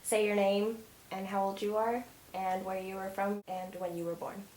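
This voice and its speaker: A woman's voice: mid-range voice, little pitch movement, moderate pace, a little mellow. A young woman interviewing a friend's mother in a casual, encouraging way, with lots of small affirmations. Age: young adult. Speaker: student interviewer. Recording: echoey room, faint hiss.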